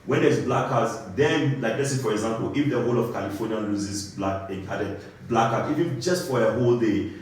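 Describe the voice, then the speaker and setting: A man's voice: on the low side, fairly quick, hardly any pauses, a little hiss or hum. A man from Ghana with a Ghanaian accent, a compliance engineer explaining a technical topic and often checking in with "right?". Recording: very echoey room.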